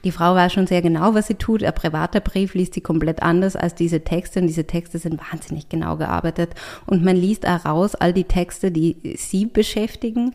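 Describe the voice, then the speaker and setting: In this reflective interview, the guest, a writer and artist, thinks carefully and hunts for words with frequent hesitations. Her pitch is fairly low and her tone steady and a little mellow, and she talks at normal speed with few pauses.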